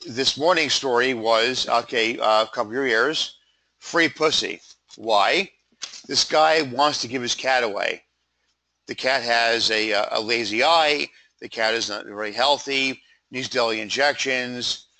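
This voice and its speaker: A man presents slides in an informal, conversational sales-pitch style. His voice is froggy yet bright and forceful, sitting at a middling pitch. He leans on lists with emphasis. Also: a little slow, slight background noise. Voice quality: froggy, throat-clearing voice. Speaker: PR company presenter.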